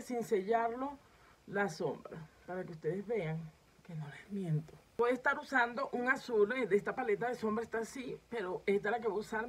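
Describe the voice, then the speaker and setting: A woman's voice: on the high side, poor audio. A woman makeup vlogger demonstrating a makeup tutorial, chatting directly to her viewers as she films herself at home. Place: home setup filming herself.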